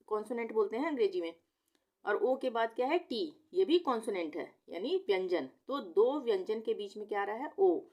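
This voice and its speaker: This is a woman giving a pronunciation lesson. She talks slowly and carefully, repeating every rule. She keeps asking her viewers simple questions as she goes. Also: fairly high pitch. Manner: slow, patient, repeats each rule and asks rhetorical questions. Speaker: Hindi teacher. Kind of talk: explaining pronunciation rules.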